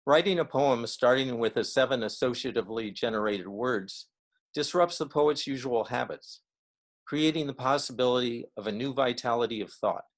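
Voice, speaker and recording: A man presenting a poetry reading, explaining its format in a measured way and then reading a poem aloud. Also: mid-range voice. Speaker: event presenter and poetry reader.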